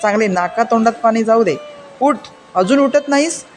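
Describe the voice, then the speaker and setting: Narrator doing scolding mother figure, raised pitch, commanding, storybook read with faint music. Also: expressive, normal speed, natural voice. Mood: angry scolding. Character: angry scolding village mother. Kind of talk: storybook reading.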